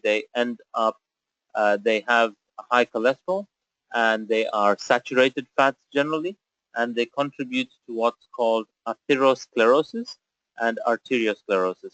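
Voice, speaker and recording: Man from Zambia as webinar presenter, mid-pitched voice, methodical explainer with "uh" fillers, close and dry. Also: fairly bright tone, dry recording, poor audio. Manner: explanatory, step-by-step, frequent "uh" fillers. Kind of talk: webinar lecture.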